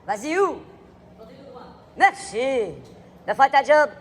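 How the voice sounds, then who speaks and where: A man with a Québécois accent, livestreaming a loud, provocative, rambling monologue in a public place and switching between French and English. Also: very high voice, sing-song, takes it slowly. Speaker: live vlogger.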